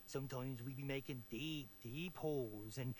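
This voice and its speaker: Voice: mid-range voice, normal speed, a little mellow, slight background noise, lightly acted. A voice actor playing a timid, hesitant old male mole miner in a video game, speaking a rustic folksy dialect full of hesitant "er"s. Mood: nervous.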